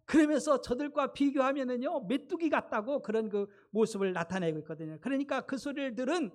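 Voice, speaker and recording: A woman's voice: high-pitched, animated, fairly quick, a little mellow. Woman pastor preaching emphatically. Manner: emphatic, addresses the congregation directly. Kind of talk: sermon.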